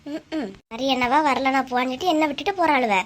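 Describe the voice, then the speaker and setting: A woman's voice: sits high, noisy background, natural voice. A woman with a Kanyakumari Tamil accent voicing chatty, gossiping village women neighbors in a cartoon. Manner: chatty, teasing, rapid back-and-forth. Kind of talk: cartoon voice acting.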